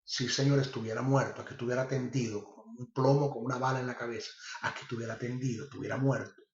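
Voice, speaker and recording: A man's voice: medium pitch, steady tone, fast talker, slight background noise, natural voice. A man voicing a despairing male pastor at his breaking point, pleading and repeating himself. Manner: pleading and repetitive. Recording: roomy, slightly dull recording.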